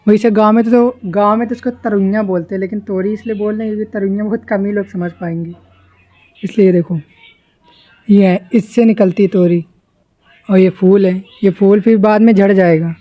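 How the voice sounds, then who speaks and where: A man's voice: sits high, steady tone, brisk, dark tone, poor audio. A young man from India chatting casually to camera, explaining his village life to his viewers. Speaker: village vlogger. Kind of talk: casual vlog narration to camera. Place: village home, garden and roadside.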